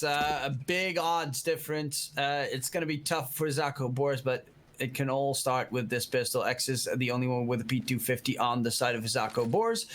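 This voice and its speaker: A man giving excitable live play-by-play esports commentary on a shooter match, building in intensity at key moments. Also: a little high. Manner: excitable, rising to shouts at key plays. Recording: clear background noise, clicks.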